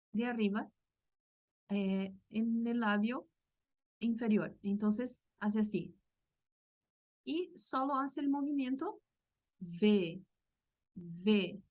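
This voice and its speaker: Brazilian woman, Portuguese native, teaching a language lesson; slightly high voice, slow and patient, shows each sound with care. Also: darkish tone. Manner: patient, demonstrating sounds carefully.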